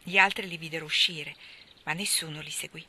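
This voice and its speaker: A woman reading a classic children's novel aloud as an audiobook, in a measured, expressive way. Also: low-pitched, slight background noise. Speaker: reader.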